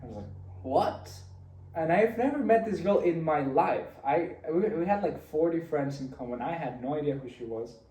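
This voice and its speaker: Recorded from a distance in a roomy space, a young vlogger from Costa Rica chats through his week in a rambling monologue full of restarts. His slightly high voice has a dark tone and lively intonation at a normal speed.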